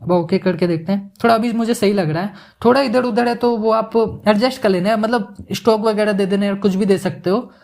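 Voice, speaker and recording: A man giving a casual, joking software tutorial, mixing English words into his Hindi as he works. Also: high-pitched, a little fast, gravelly. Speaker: animation tutorial instructor.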